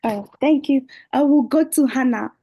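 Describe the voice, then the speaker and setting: A woman's voice: high-pitched, normal speed, warm tone, low-quality recording. A woman hosting an online dating show over a video call, speaking hesitantly with many fillers. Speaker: host.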